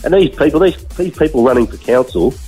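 A man with a slightly husky voice and an Australian accent, giving emphatic, exasperated opinions as a radio caller. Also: medium pitch, expressive, fast talker, dark tone, soft background music, poor audio. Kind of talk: casual opinion on talkback.

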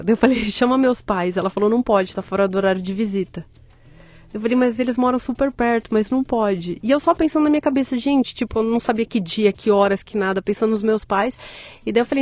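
A woman, telling her story as an interview guest, candid and joking, acting out the voices of people she quotes. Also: mid-range voice. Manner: candid, animated, joking, acts out quoted speech. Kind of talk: conversational storytelling.

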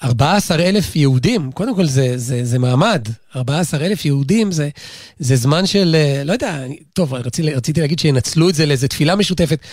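A man's voice: fairly high pitch, lively intonation, darkish tone, no echo, clean studio sound. A man with an Israeli accent co-hosting a talk show in casual, bantering conversation.

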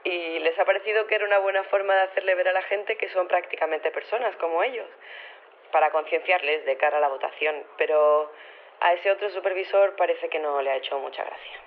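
This acted phone interview from an audio fiction features a woman playing a robotics professor who stays casual, matter-of-fact and unflappable as she rambles in an understated, colloquial manner. Her voice sits on the low side and moves a little fast. The telephone filter gives a tinny sound, with clear background noise.

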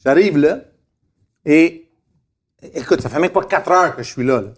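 A man's voice: on the high side, normal speed. A man, telling stories emphatically in a casual chat and asking rhetorical questions. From Montreal, Quebec. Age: 50s.

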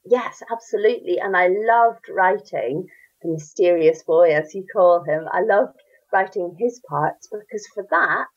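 In a medium-pitched voice, a Northern Irish woman who writes for children responds to interview questions. She's enthusiastic and warm, with a lilting, storytelling style and laughter, and the audio is dull.

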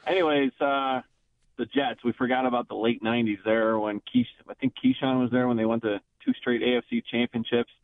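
A man's voice: medium pitch, fairly even intonation, a little fast, dry recording. A man from Buffalo calling in over the phone to a radio show, chatty and rambling as he cheerfully trash-talks. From Buffalo, New York. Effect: heard over the phone. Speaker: radio call-in caller. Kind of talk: casual sports talk call. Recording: tinny phone line on radio.

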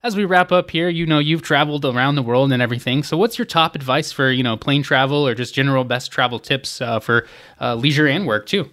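A man's voice: mid-range voice, a bit bright. A man hosting a travel podcast, affirming his guest and asking him questions. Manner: quick, affirming interviewer. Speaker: podcast host. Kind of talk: interview hosting.

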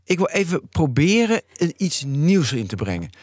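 Guy on a podcast, really animated, jumps up and down in pitch, keeps making his case. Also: normal speed, no room sound, clean studio sound. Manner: animated, argumentative, thinks aloud. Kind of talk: debate on a podcast.

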